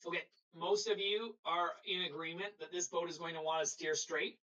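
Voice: mid-range voice, steady tone, moderate pace, sharp tone, highs cut off. A sailing instructor giving a live webinar lecture over a video call, explaining patiently and checking in with the class.

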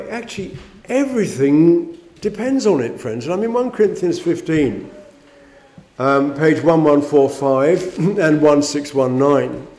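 A man preaching a sermon, reading scripture aloud and explaining it with fillers and restarts. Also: mellow. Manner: rises in pitch and volume on quoted verses. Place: church. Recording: echoey church hall.

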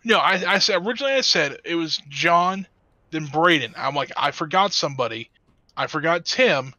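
Guy on race control, bright punchy voice, going over the order, dry muffled chat audio. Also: fairly high pitch, lively intonation, moderate pace, no echo. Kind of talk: casual race control chatter.

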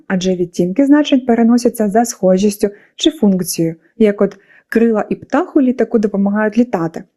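Mellow-voiced woman teaching a school lesson. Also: fairly high pitch. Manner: patient explaining with questions to pupils. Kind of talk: scripted lesson narration for children.

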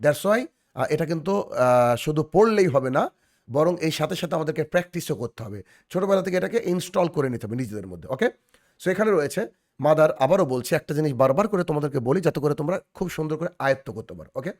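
Gravelly-voiced man teaching children online. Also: a little high, expressive, fairly quick. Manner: patient, repeats phrases and checks understanding. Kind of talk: online children's English lesson.

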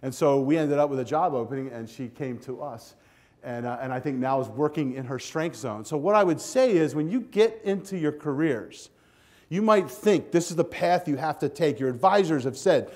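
A man's voice: fairly high pitch, moderate pace. An older man giving a keynote speech to students in a hotel ballroom, talking energetically and directly, on a lapel mic. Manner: energetic, animated, walks the stage with a handheld clicker. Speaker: keynote speaker. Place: hotel ballroom with a seated audience.

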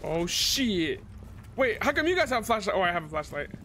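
A young man hosting his gaming channel, commentating gameplay with friends, excitable and often yelping and laughing in panic. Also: high voice, fairly quick, a little hiss or hum. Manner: excitable, yelps and screams in panic, laughs a lot. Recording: game gunfire loud under the voice.

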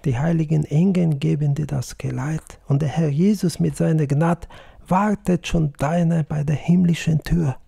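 A man's voice: a little high, fairly even intonation, normal speed, gravelly, dark tone, husky, pitched above the performer's own voice, exaggerated voice. A man reading an audiobook, voicing a devout grieving peasant wife who pleads in fervent prayer. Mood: fervent praying.

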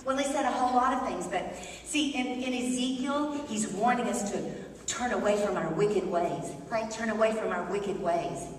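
Middle aged lady doing kids church message, gently instructive, super echoey hall, faint noise. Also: a little high, moderate pace, far from the mic. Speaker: ventriloquist giving a children's church message. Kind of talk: children's sermon as chat with a puppet. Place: large church sanctuary, indoors. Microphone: distant camera.

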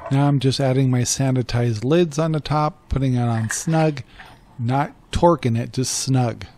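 Mellow older man narrating recipe steps. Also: medium pitch, measured pace, a little hiss or hum. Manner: plain, step-by-step, matter-of-fact. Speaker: cooking channel host. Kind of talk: voice-over narration.

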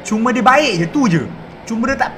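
A man's voice: very high voice, brisk, a little hiss or hum. A young Malaysian man streaming live, commenting on his gameplay and scolding the characters on screen. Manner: excitable, scolding the game characters, laughs a lot. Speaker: livestreaming gamer.

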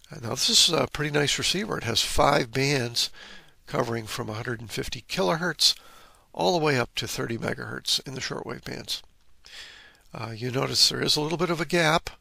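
In an electronics repair video, a man gives an informal, instructive technical walkthrough, explaining the electronics step by step. His mid-range voice is gravelly and sharp with a breathy edge, recorded with no echo.

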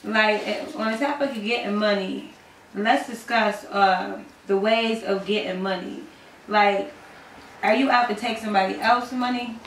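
A woman's voice: mid-range voice, fairly even intonation, measured pace, slight background noise. Woman steering a panel chat. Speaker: podcast co-host steering topics. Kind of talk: casual panel banter. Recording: echoey room, distant mic.

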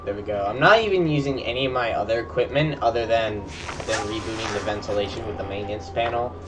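A young man streams gameplay, chatting casually with viewers and throwing in boastful banter. His voice is on the low side and quick, picked up by a distant mic under loud game music.

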